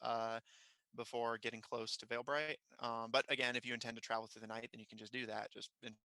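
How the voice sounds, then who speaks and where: A man narrating a tabletop game as game master, improvising in a halting way as he searches for words. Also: mid-range voice, flat delivery, bright, forceful tone, dry recording.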